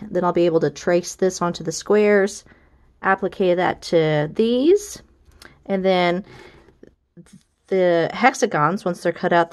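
This quilting instructor from the US has a voice on the low side and a little mellow. In a friendly, chatty how-to, she enthusiastically works through a quilting block step by step, casually pointing things out.

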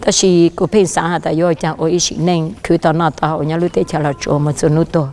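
A man's voice: level tone, a little fast. Emphatic male pastor preaching outdoors. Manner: emphatic preaching, voice often jumping higher and louder. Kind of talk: sermon. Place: outdoors by a riverside.

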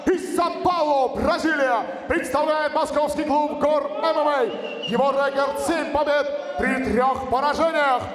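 Booming high-pitched male ring announcer, echoing arena. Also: fairly even intonation, far from the mic, crowd noise. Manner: loud, projected, drawn-out names. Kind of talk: booming stage introduction of fighters. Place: large indoor arena, in the cage. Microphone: handheld microphone through PA. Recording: echoey arena PA heard from afar.

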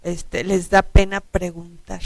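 A woman's voice: fairly low pitch, level tone, slow pace, vocal fry, no echo. A middle-aged woman with a Mexican Spanish accent hosting a studio talk show, reacting briefly and then voicing firm opinions into a headset mic. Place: small TV studio set, indoors.

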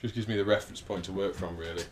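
An electrician's casual work vlog: he rewires a house indoors, chatting dryly and explaining as he works. His low voice comes rapid-fire with fairly even intonation, he's out of breath at times, and there's slight background noise.

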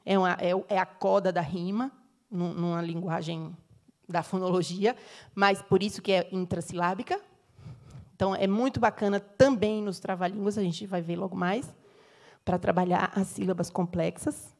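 This Brazilian professor, middle-aged, speaks at normal speed in a lowish, steady, darkish voice with a Brazilian Portuguese accent. Her academic lecture moves step by step, peppered with tag questions to the audience and sung examples.

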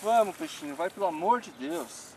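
Here the fishing-show host, a man in his thirties, sounds high and expressive, a little mellow, at a moderate pace. He narrates and explains while battling a fish from the bank of a rural pond, occasionally coaxing it along, with slight background noise and outdoor rural ambience.

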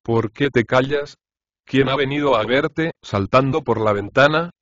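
A man voicing a sleepy, irritated husband dragged out of bed, grumbling at everyone. The voice is a plain middle pitch. It is recorded close and dry with a slightly muffled tone. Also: a little slow, fairly bright tone, no room sound, close to an everyday voice. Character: grumpy, sleepy middle-aged husband, a prosecutor.

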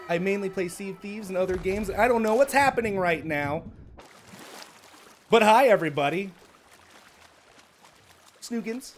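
A male game streamer who chats live in an excitable, flustered way, with frequent laughter and sudden outbursts. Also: high voice, a little hiss or hum.

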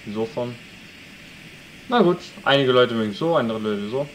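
This let's play commentator has a mid-range voice and speaks at normal speed with plenty of animation. Chatty and jokey, he talks to his audience about the survival game he's playing and yells at wolves along the way. Audio quality is poor, with a bit of background noise.

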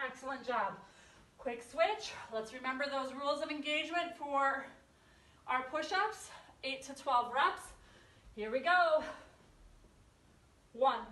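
A woman aerobics instructor leads a home workout in a high voice. She takes her time, counting reps and giving short, encouraging commands. She sounds some way from the mic in a roomy, echoey space. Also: pushed and bright. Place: carpeted room at home. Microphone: distant camera microphone across the room. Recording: roomy echo, far from phone camera.

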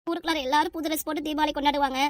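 A woman's voice: high-pitched, fairly even intonation, rapid-fire, noisy background, close to an everyday voice. Woman voicing a whiny college-age daughter. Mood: pleading. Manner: whiny, insistent. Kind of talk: cartoon family comedy dub.

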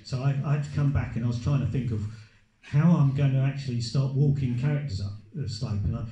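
Guy on a panel stage, dark mellow voice, echoey hall, keeps restarting his words. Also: medium pitch, fast, dull audio. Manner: stammering restarts, animated storytelling. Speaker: game developer guest. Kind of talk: panel interview recollection. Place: live event hall. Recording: echoey event hall, live stream.

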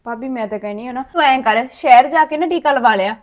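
A woman's voice: high voice, fast talker, close to an everyday voice. A woman playing a trusting Punjabi village girl. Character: young village woman, trusting, defends family friend.

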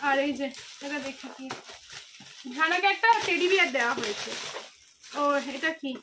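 A woman's voice: sits high, lively intonation, moderate pace. A woman vlogger and mother, out of breath, chatting directly to her viewers in a casual unboxing vlog at home. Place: home, indoors. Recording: noisy home recording.

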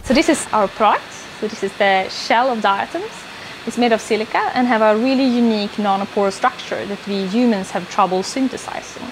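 This founder and CEO talks earnestly about her company's work for a documentary, a lapel mic capturing her in an indoor lab over background music. She has a medium-pitched, expressive voice, speaks fairly quickly, and often says "uh". The background is noisy.

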